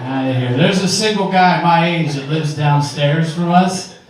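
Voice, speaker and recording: A man's voice: on the high side, unhurried, a little hiss or hum. A man in his forties performing a stand-up set in a wry, conversational, punchy way. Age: 40s. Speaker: stand-up comedian. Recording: very echoey room, distant mic, faint ambience.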